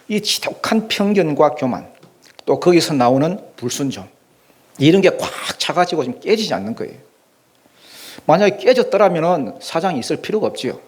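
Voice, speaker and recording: Male pastor preaching, lively swooping intonation, rhetorical questions to the pews, brief. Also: a little high. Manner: animated, rhetorical questions to the congregation. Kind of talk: sermon. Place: church.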